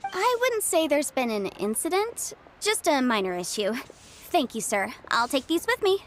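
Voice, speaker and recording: An actress playing a confident young legal advisor in a game, brisk, self-assured and a little playful. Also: female voice, sits high, big pitch swings. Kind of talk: game voice acting. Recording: studio voice over game music.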